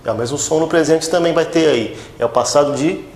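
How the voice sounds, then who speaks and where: A man from Brazil teaching English pronunciation, repeating each word slowly and checking in with his students after every few words. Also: a little mellow. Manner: slow, repeats words for drilling, frequent "tá?" and "ok?" checks. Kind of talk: pronunciation lesson. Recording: echoey room with faint rumble.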